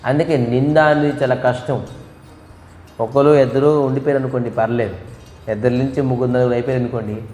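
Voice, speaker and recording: Animated male preacher in an echoey hall. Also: medium pitch, a little fast. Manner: animated, imitates crow and goat calls, asks and answers his own questions. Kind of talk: devotional storytelling sermon. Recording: echoey hall with faint music.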